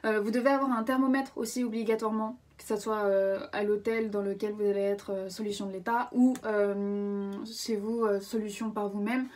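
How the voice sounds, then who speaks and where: A woman's voice: mid-range voice, little pitch movement, normal speed, few pauses, darkish tone, far from the mic. A French woman in her twenties chatting casually in a vlog, full of fillers and self-corrections. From France. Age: 20s. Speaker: vlogger.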